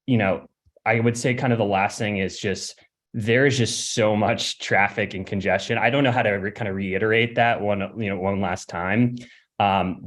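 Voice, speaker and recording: A young man from Connecticut giving a hesitant public comment at a city hearing over a remote call, with many fillers and throat clearing. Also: fairly low pitch. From Connecticut, USA. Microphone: remote call audio.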